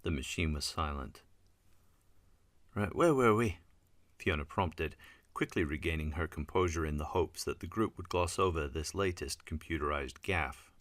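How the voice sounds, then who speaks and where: A man reading an audiobook in a measured, wry scripted narration. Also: a bass voice, steady tone, a bit bright, dry recording.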